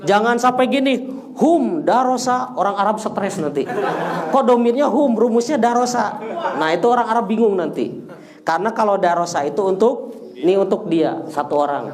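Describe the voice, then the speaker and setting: Man chanting Arabic drills in a sing-song tune. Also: high voice. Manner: jokes and chuckles while correcting. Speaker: Arabic teacher. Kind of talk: classroom lesson.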